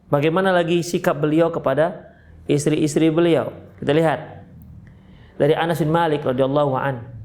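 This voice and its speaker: A man's voice: on the high side, a little mellow. A man with a Medan accent giving a study sermon in a mosque, acting out quoted speech with big jumps in his voice. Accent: Medan Indonesian. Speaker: preacher.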